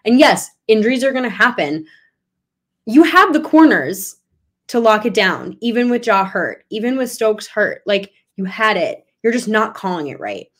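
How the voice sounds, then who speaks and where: A woman's voice: mid-range voice, normal speed. A young woman hosting a sports podcast, talking casually and getting emphatic. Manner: animated, rising emphatic talk. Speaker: podcast host.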